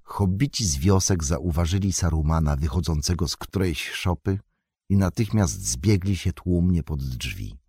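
A man narrating a fantasy novel as an audiobook, in a measured, dramatic storytelling manner. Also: sits low, lively intonation, mellow, slightly rough, no echo, clean studio sound.

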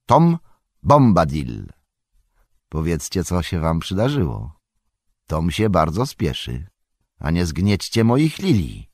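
A man voicing Tom Bombadil, booming and merry. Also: wildly swooping pitch, slow pace, long pauses, darkish tone, dry recording, clean studio sound, exaggerated voice. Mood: jolly. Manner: booming, singsong, merry and bossy. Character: jolly, boisterous, bearded old forest spirit-man. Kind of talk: audiobook character voice.

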